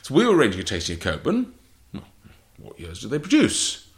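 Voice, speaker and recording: This English writer on port wine has a mid-range voice with wildly swooping pitch and a fairly quick pace. Answering interview questions, he explains precisely and lists facts in short, clipped phrases.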